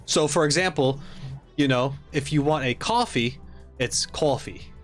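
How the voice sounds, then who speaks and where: An American man from New York, co-hosting a podcast in relaxed, casual chat, chuckling often and trailing off mid-thought. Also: fairly high pitch, a little slow, faint music behind. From Long Island, New York. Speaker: podcast co-host.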